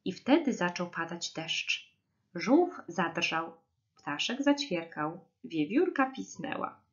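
A woman reading a children's story aloud, slow and expressive. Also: on the low side, muffled recording.

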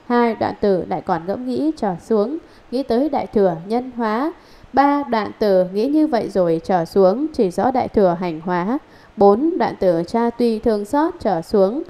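A woman giving an even, measured scripted reading of a Buddhist scripture commentary. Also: medium pitch. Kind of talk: scripted reading of a religious text.

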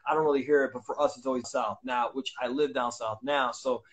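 East coast guy in his 40s hosting a podcast, middle pitch, rambly, lots of you know and like. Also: steady tone, a little fast. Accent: East Coast American. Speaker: podcast host. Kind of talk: casual chat.

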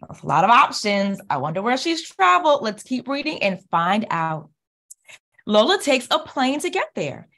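Over a video call from a small office, an American speech pathologist and children's author in her 30s reads to children and poses questions at a normal pace. Her higher-pitched voice has creaky edges, and her delivery is clear, expressive, and encouraging.

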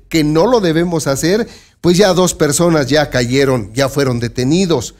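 Male news host, raised pitch. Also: a little mellow. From Mexico. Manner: conversational, addresses listeners directly with warnings. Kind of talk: commentary on local news.

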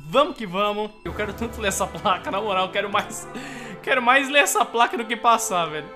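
A Brazilian-accented gamer narrating a playthrough in a jumpy, excitable way, looping the same words over and over when things go wrong. Game music plays steadily behind the voice. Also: medium pitch, a little fast. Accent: Brazilian Portuguese. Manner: excitable, panicky, repeats phrases, swears. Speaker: gameplay commentator. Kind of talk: let's play commentary.

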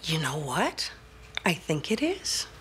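A woman's voice: low voice, wildly swooping pitch, slow pace, a bit bright, a little hiss or hum, heavily acted, rough recording. An actress playing a stern, sarcastic middle-aged stepmother in a TV comedy-drama, commanding like a wicked stepmother. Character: stern stepmother ordering chores, wicked stepmother manner. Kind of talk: television comedy-drama acting.

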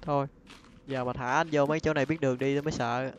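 A man's voice: mid-range voice, steady tone, fast talker, slight background noise. A man, co-hosting a casual gameplay session with a wry, chiding way of talking. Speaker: gaming channel co-host.

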